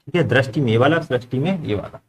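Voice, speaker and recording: A man's voice: medium pitch, expressive, fast talker, a little hiss or hum. A man teaching a grammar lesson to a class, asking the students questions and repeating their answers back. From India.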